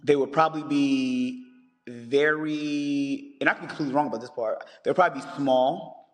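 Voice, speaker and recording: A man who is a science teacher, chatting on a podcast as a guest and telling stories with animated energy. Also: mid-range voice, moderate pace, big-room sound, faint music behind. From United States. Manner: animated storyteller, acts out callers in quotes. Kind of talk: casual podcast chat.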